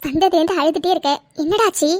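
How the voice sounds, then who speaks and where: High-voiced caring orphanage mother. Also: fast, a little mellow, no room sound. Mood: soothing. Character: caring middle-aged woman, orphanage mother. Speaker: narrator voicing all figures.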